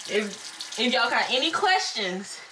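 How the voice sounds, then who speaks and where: A woman's voice: a little high, big pitch swings, measured pace, recorded from a distance, background noise. A young adult woman chatting casually to her viewers as a beauty vlogger, playful and rambling, laughing often. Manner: talks with her eyes closed. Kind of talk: casual chat to camera.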